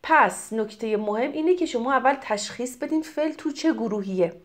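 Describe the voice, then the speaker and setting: A middle-aged woman from Iran teaching French grammar, explaining in Persian and reading French examples slowly and clearly. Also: a little high, lively intonation. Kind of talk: grammar lesson.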